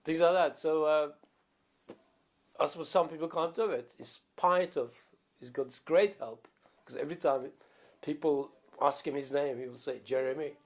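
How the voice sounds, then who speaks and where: Gravelly older Turkish-accented man. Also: a little high, normal speed. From Turkey. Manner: rambling, anecdotal, many fillers and restarts. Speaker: professional viola player. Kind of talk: reminiscing in a documentary interview.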